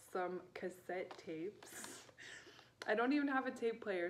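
A woman in her thirties, a vlogger who resells vintage items online, chats casually in a haul video, her slightly low voice very unhurried. She records at home in a small indoor living room, with clear background room noise.

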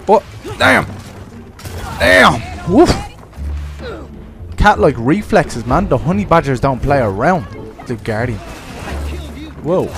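A man streaming a shooter game, talking over his headset microphone with quick excited exclamations and swearing. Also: mid-range voice. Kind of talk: live gameplay commentary.

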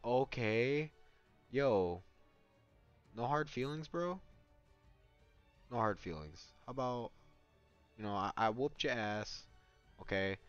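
Excitable young man gaming, swinging pitch. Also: takes it slowly, long pauses, smooth. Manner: excitable, swears a lot, laughs often. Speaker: gamer chatting with a friend. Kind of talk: casual gaming chat. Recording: muffled lo-fi voice chat with faint music.

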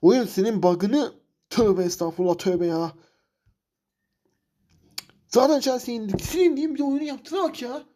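A man's voice: very high-pitched, expressive, moderate pace, pauses often, dark tone. A man commentating his football manager game career, frustrated and ranting, repeating himself. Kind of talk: let's-play commentary.

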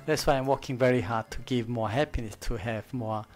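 A middle-aged man with a Korean accent, a native Korean speaker giving an informal, reflective presentation in halting English at a desk microphone. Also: medium pitch, fairly even intonation, faint music behind. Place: studio desk with a virtual set. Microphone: desk gooseneck microphone.

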